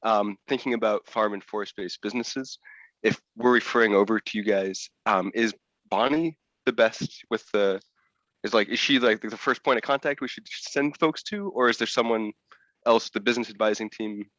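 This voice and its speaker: A man's voice: lowish voice, moderate pace, fairly bright tone, no echo. A man asking a casual question in an online session, searching for words. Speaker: audience member asking a question. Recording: dry, dull lo-fi call audio.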